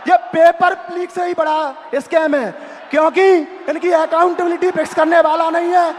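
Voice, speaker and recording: A young man speaks publicly as an exam aspirant, his voice raised and very high. He presses his grievances insistently, point after point. The sound rings through a large hall with some crowd and background noise. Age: young adult. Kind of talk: impassioned public testimony.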